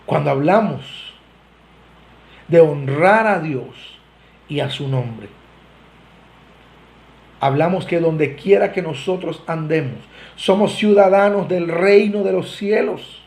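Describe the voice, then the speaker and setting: A man's voice: a little high, slow, creaky, pauses often, darkish tone. A man with a Costa Rican accent preaching a sermon, earnestly addressing the congregation with swelling emphasis. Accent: Costa Rican Spanish. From Costa Rica. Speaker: pastor.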